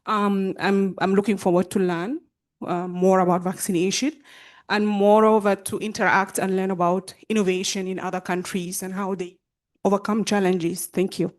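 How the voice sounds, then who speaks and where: Mid-pitched South Sudanese woman introducing herself. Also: flat delivery, moderate pace. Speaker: course participant, project manager. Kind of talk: spoken self-introduction to a group.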